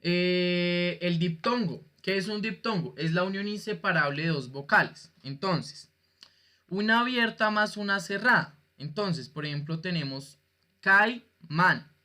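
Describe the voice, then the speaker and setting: Bright-voiced male teacher on a video call. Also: high-pitched, a little slow. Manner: patient, jokey, asks students questions. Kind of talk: online class explanation.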